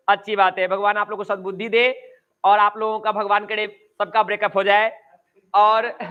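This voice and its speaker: A male English grammar teacher with a Bihari Hindi accent, giving an online class lecture, drawing out and repeating key phrases slowly and chatting with students between points. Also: extremely high pitch, pushed and bright, lo-fi sound. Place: coaching class at home.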